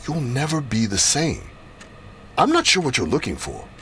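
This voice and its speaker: A man's voice: medium pitch, wildly swooping pitch, a bit bright, slight background noise. A man playing a probing clinical doctor. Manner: questioning, measured.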